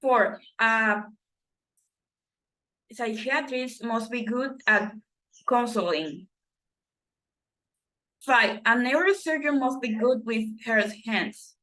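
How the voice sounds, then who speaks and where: Slow, halting woman reading a textbook. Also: a little high, pushed and bright, low-quality recording. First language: Spanish. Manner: halting, self-correcting reading with restarts. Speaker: student reading textbook exercises.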